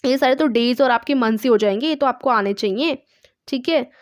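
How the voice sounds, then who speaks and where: A woman's voice: on the high side, brisk, dry recording, studio quality. Patient Indian woman teaching English. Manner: patient, repeats "ठीक है" after each point. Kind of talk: online language lesson.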